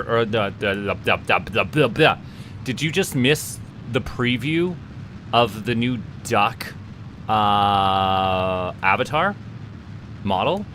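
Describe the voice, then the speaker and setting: On a game stream with slight background noise, a man from Canada speaks in a low, somewhat bright voice. He's a VTuber streamer rambling casually with his viewers and tripping over repeated words.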